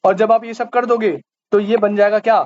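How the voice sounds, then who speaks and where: A man's voice: sits high, flat delivery, brisk. A man teaching commerce to a live class. He keeps quizzing the students and repeats the key terms back to them. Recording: dull lo-fi audio with faint hiss.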